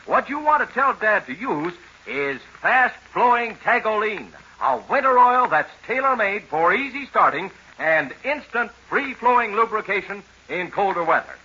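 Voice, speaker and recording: This American man delivers 1940s-style radio announcing, pitching and narrating to children with emphatic, dramatic salesmanship. His voice is high and very bright, with a sing-song swing, a breathy edge and a moderate pace. The audio has the dull quality and faint hiss of an old broadcast.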